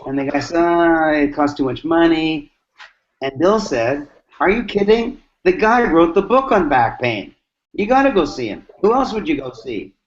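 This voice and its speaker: A man hosting a mastermind talk, answering questions with lively acted-out stories and emphatic repetition. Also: fairly high pitch, moderate pace. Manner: animated, acts out dialogue, repeats lines for emphasis. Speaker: host. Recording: dull lo-fi sound.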